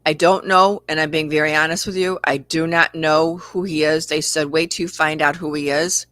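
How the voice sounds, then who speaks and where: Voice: mid-range voice, steady tone, normal speed, bright, forceful tone, no room sound. A livestream host chatting candidly and at length with a caller and reading out viewer comments. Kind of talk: casual spiritual chat.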